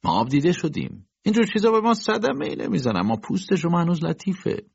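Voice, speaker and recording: A man's voice: high voice, sing-song, gravelly, a little mellow, slightly rough, dry recording, muffled recording, voice pushed up, full character voice. A man voicing a sardonic older bachelor doctor who lectures mockingly, in an audiobook reading.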